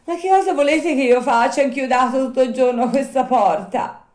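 A woman voicing a wooden puppet boy who is desperate and impatient, crying out in shrill pleas. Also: brisk, a little mellow, lightly acted. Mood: pleading. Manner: shrill pleading cries. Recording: roomy echo.

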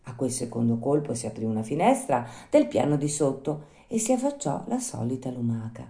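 A woman reading a children's story aloud, with expressive, lively storytelling. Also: a bass voice, brisk. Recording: roomy echo.

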